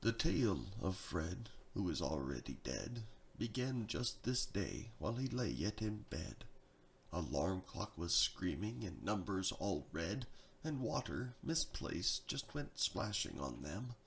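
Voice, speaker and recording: A storyteller reads a darkly comic rhyming tale in a theatrical, dramatic, sing-song rhythm. His low, creaky voice swings widely in pitch and moves a little slowly, over slight background noise.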